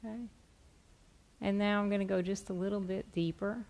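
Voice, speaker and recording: A middle-aged woman gently and softly explaining a hands-on therapy demonstration step by step on stage. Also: medium pitch, steady tone, normal speed, vocal fry. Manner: gentle, soft-spoken. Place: on a stage in a theatre, indoors.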